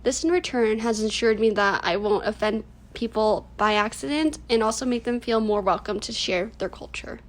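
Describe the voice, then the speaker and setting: Speaking at normal speed with hardly any pauses, this woman has a voice on the high side. She is in her early twenties, a native Cantonese speaker raised in the United States, and earnestly reads scripted, reflective answers prepared for a class project interview.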